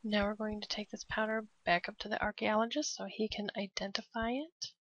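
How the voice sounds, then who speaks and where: A woman casually narrating a game walkthrough step by step, relaxed and prone to laughing. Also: medium pitch, fairly quick. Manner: relaxed, laughs often, cheers at a blast. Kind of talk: casual gameplay commentary. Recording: dry, slightly dull lo-fi.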